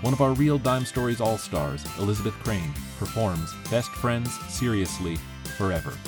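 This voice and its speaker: Host bit: man with lowish voice, measured intro read, guitar music behind. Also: lively intonation. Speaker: podcast host. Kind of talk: scripted introduction.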